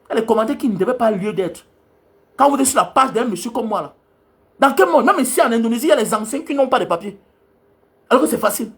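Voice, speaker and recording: Angry high-voiced man ranting. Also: lively intonation, fast, fairly bright tone. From Cameroon. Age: young adult. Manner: angry, scolding, repetitive rant. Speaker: travel advisor vlogger. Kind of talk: heated monologue to camera.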